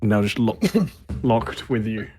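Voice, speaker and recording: A man's voice: fairly low pitch, flat delivery, slow pace, dark tone. A man playing a tabletop game, explaining his character's moves in a casual, hesitant way full of fillers. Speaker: player.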